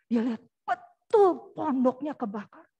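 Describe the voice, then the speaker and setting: High-voiced animated woman preacher. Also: unhurried, husky, highs cut off. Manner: animated, addresses the congregation directly. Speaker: evangelist preacher. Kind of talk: storytelling sermon.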